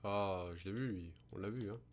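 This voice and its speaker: A man's voice: fairly low pitch, moderate pace. A man commentating a horror game as a scared streamer, swearing and muttering to himself. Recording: steady background noise with hum.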